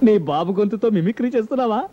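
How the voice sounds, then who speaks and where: An actor playing a flustered, wisecracking young bridegroom in a film comedy, with quick, exclamatory delivery. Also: male voice, high-pitched, dull audio, lightly acted.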